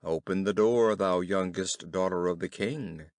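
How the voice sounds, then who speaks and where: A man's voice: low voice, darkish tone, no room sound, voice pushed down. A man voicing an insistent, pleading talking frog in a storybook, with formal, old-fashioned phrasing. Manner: archaic, formal, slow deliberate phrasing.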